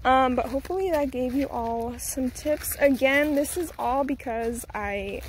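A young woman talks casually into a camera mic outdoors in a garden, a little out of breath and flustered. Her voice sits a touch high, and a faint outdoor hiss stays under her chatter. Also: a little slow. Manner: chatty, slightly flustered, switches to high sing-song when coaxing her toddler. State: a bit out of breath. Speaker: vlogger and mother. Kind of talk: casual outdoor vlog with tips.

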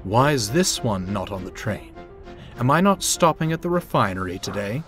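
A man's voice: lowish voice, sing-song, normal speed, a bit bright, soft background music. A man voicing a proud, pompous male steam engine who talks in a haughty, posh, snappish way. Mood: brisk.

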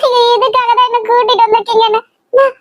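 A woman's voice: extremely high pitch, flat delivery, fast talker, fairly bright tone, dry recording, clean studio sound. A woman voicing a desperate young pregnant wife in a cartoon drama, pleading and stammering in Kanyakumari Tamil. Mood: tearful pleading. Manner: tearful, stammering pleas.

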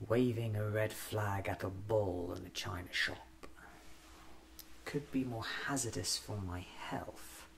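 A man in his thirties playing a whimsical, eccentric time-traveling doctor musing aloud in soft-spoken, deliberate ASMR roleplay. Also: on the low side, creaky, slight background noise, low-quality recording. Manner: deliberate, musing, often near whisper.

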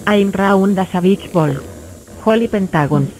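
A woman voicing an anxious cartoon number-block creature with a stilted, even delivery of exclamations. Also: medium pitch, a little slow, background noise, close to an everyday voice. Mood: distressed. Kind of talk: fan animation character monologue.

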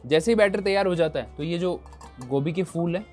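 Over music, a man with a fairly high, brisk voice walks viewers through a recipe as a cooking show chef. His casual demo is talkative and repetitive, with frequent cries of "look here" at every step.

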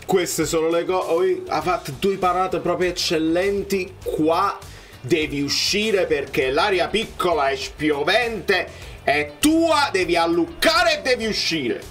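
A high-voiced young man reacts to a football match as it plays, his tone leaping wildly from low mutters to sudden shouts. Soft music runs faintly underneath. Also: lively intonation, takes it slowly.

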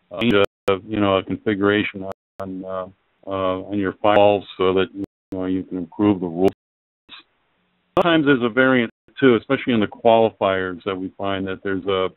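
Give me a man with a smooth, dry, low voice talking through a webinar line. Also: no echo. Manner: rambling with many fillers. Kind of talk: webinar panel discussion. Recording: phone-line audio.

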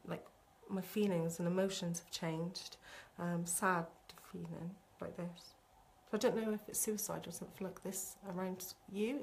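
A psychic medium delivers a talkative, excitable spirit reading live, calling her audience sweetie. Her medium-pitched voice is gravelly, and the recording carries a little hiss or hum.

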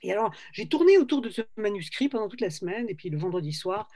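An older woman publisher from France, telling an anecdote in an interview, animated, with many restarts. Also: medium pitch, quick pace. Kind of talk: storytelling interview.

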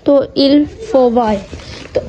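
High-voiced chatty woman vlogging at home. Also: slow, mellow, dull audio, a little hiss or hum. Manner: chatty, explaining things step by step to viewers. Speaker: vlogger and mother. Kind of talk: casual home vlog chat.

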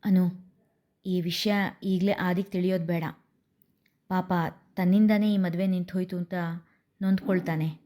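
Woman narrator doing a soft-spoken older mother in an audio story, gentle and soothing, voiced a touch lower than the narration. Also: steady tone, normal speed, long pauses, natural voice. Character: warm older mother consoling her daughter.

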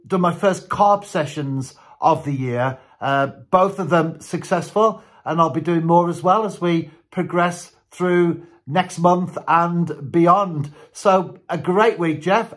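A British man in his fifties, his voice slightly high and a little bright, chats enthusiastically about fishing. He's an angling vlogger appearing as a guest on a radio call, speaking from his living room with headphones on.

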